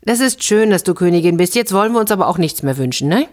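A woman's voice: on the low side, expressive, fast, a little mellow, pitched above the performer's own voice, natural voice. A woman voicing a poor, meek fisherman in a fairy tale, worried and reluctant, chanting his rhyme in a sing-song. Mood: fretful.

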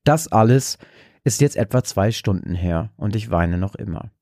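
A man narrating a dark horror story in a slow, measured way. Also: fairly low pitch, lively intonation, no room sound, clean studio sound. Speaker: podcast host and story narrator.

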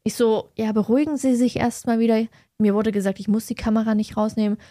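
A woman's voice: fairly high pitch, fast, dry recording. Chatty young woman, dry close sound. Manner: lively storytelling, acts out quoted people. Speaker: podcast co-host. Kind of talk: casual chat.

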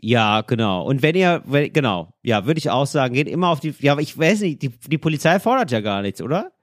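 A man's voice: mid-range voice, big pitch swings, fairly quick, dry recording, clean studio sound. A man co-hosting a comedy podcast, playing an earnest, soothing police negotiator in an improvised hostage scene. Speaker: podcast co-host. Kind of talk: comedic improvised role-play chat.

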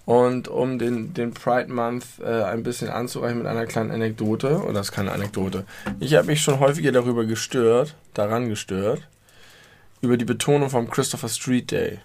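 A man's voice: medium pitch, brisk, creaky, a little mellow, slight background noise. A man co-hosting a podcast, chatting casually and joking while he nitpicks word stress. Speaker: podcast co-host. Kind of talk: casual chat.

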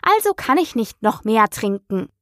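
A woman's voice: sing-song, normal speed, no echo, studio quality. A woman reading the part of a curious, polite young girl in a storybook, speaking earnestly and turning indignant at times. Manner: high, earnest, sometimes indignant.

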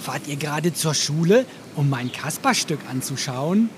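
A performer voicing Kasper, an excitable, curious puppet jester in a children's audio play. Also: medium pitch, moderate pace, noisy background, close to an everyday voice. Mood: eager. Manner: curious, asks many questions. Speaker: puppet character.

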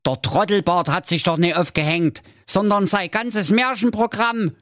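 A man voicing an excitable, foul-mouthed fairy-tale brother in a Saxon accent, yelling in a frantic manner for a comic audio story. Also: sits high, moderate pace, no room sound, studio quality, voice pushed up. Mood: agitated. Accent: Saxon German.

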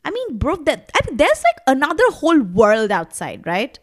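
This woman in her thirties, a Bangla native speaker, appears as a podcast guest in casual conversation, reflective and passionate and full of fillers. Her voice is high with huge pitch swings, delivered at a moderate pace.

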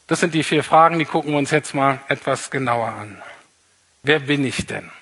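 A man's voice: mid-range voice, normal speed, pushed and bright, slightly rough. A man preaching a sermon in a conversational way, repeating his key points for emphasis. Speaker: pastor.

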